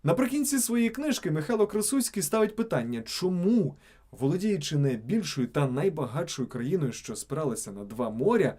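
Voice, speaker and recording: A man's voice: fairly high pitch, animated, moderate pace, warm tone. A man reading scripted narration for a video channel, stressing each example word on its own.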